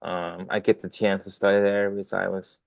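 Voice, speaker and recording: This young Danish man, a drummer, rambles amiably through casual interview talk on a podcast, full of ums and restarts. He has a deep, gravelly voice with little pitch movement and a fairly quick pace. There's no room sound.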